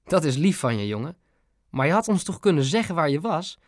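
A man's voice: a little high, very animated, fairly quick, no echo, studio quality. A man doing a worried, tender father. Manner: earnest, warm-hearted.

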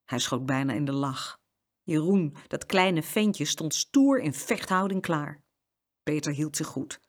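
A woman reading a children's story aloud as narrator, with expressive storytelling. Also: low voice, a little slow.

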